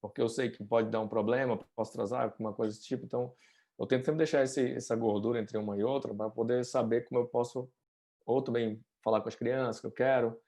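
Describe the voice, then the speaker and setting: A man, a guest chatting casually over a video call with many fillers. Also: medium pitch. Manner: fast, relaxed, many fillers. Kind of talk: casual interview chat.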